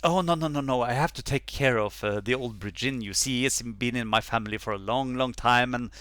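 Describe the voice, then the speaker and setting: Man doing a halting halfling innkeeper. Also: mid-range voice, a bit bright, clean tone, dry recording, natural voice. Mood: hospitable, reluctant. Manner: hesitant, halting with many fillers. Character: male halfling innkeeper, proud family patriarch, reluctant.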